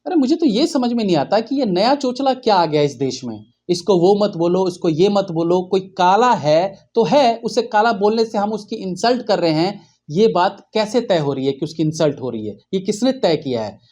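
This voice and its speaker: A man's voice: high-pitched, animated, moderate pace, a little mellow. A man hosting satirical news, with mocking, sarcastic asides.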